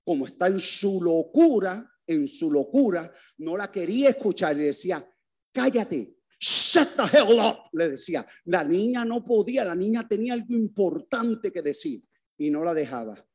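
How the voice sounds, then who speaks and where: Male priest, sermon with testimony, slightly high voice, hushed then loud bursts. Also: lively intonation, moderate pace. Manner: swings from hushed to loud outbursts.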